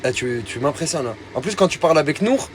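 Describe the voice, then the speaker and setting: A man's voice: on the high side, lively intonation, quick pace, slight background noise. A man chatting casually, asking teasing, admiring questions. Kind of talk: casual chat.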